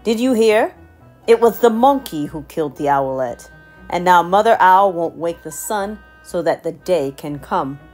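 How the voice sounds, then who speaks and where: A woman voicing a male lion king who speaks loudly with authority. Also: fairly low pitch, expressive, normal speed, faint music behind. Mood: stern. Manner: loud, authoritative.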